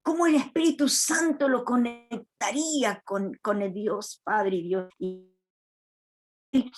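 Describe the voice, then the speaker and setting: A woman's voice: fairly high pitch, steady tone, slow. A woman preacher giving a sermon in a church, retelling a Bible story in a reflective, earnest way.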